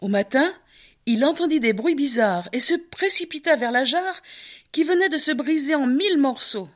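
A woman reading a fairy tale aloud as a storyteller, measured and expressive. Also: high-pitched, soft background music. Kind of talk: scripted narration of a fairy tale.

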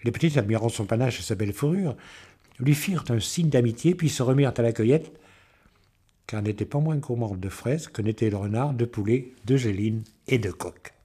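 Calm male storyteller for a children's tale, warm mellow tone. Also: mid-range voice, brisk, husky. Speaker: narrator. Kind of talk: storybook reading.

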